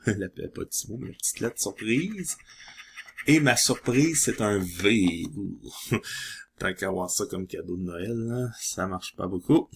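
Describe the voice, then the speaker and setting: A Québécois man chats his way through scratch-off tickets, spelling out letters slowly and laughing often. His voice sits low and gravelly. It has a husky edge. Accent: Québécois French. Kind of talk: casual commentary while scratching lottery tickets.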